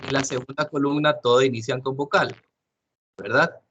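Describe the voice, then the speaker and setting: A man's voice: medium pitch, steady tone, moderate pace, fairly bright tone, lo-fi sound, a little hiss or hum. A man teaching an English class online, explaining step by step, often repeating himself and checking with questions.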